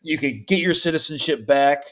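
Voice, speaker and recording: A man's voice: a little high, moderate pace. Man on a call, audio cutting out. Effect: audio cutting out, uneven volume. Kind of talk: casual conversation.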